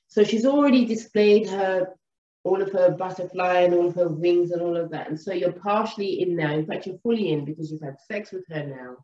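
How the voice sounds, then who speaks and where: A woman and mother teaching about relationships in an animated storytelling way, acting out what people say. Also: on the low side, fairly quick. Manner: animated, storytelling, acts out quotes. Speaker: wellness teacher. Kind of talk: advice monologue. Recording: echoey room, distant mic, dull sound.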